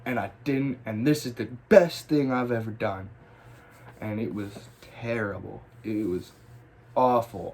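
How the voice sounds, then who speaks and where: A man's voice: lowish voice, slight background noise. A man telling a personal story in casual, rambling style, with lots of swearing and restarts. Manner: profane, rambling, animated retelling. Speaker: graffiti storyteller.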